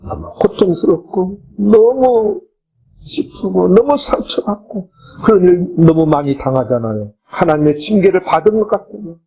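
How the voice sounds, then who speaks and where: A man preaches a sermon with an emphatic, animated delivery, his voice sitting a little high and swinging widely. His tone is mellow and slightly husky. The recording sounds dull and lo-fi. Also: moderate pace. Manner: emphatic, swinging between high exclamations and low asides. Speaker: pastor.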